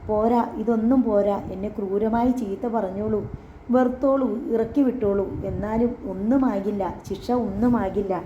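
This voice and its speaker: A tearful, pleading young heroine in a storybook, read by a woman. The tone is warm and mellow, heard in a roomy, slightly dull recording. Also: medium pitch, steady tone, normal speed, a little hiss or hum, lightly acted.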